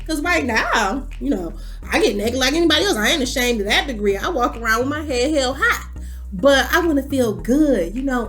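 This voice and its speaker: A woman in her thirties chatting casually to camera as a vlogger, animated and full of ums. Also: fairly high pitch. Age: 30s.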